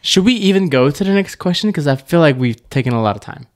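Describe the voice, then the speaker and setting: A Malaysian man in his thirties co-hosts a podcast, chatting playfully and casually in a fairly high, animated voice at a fast clip. He sits at a table in a small indoor room, speaking into a tabletop podcast microphone on a stand. The sound is studio quality, with no echo.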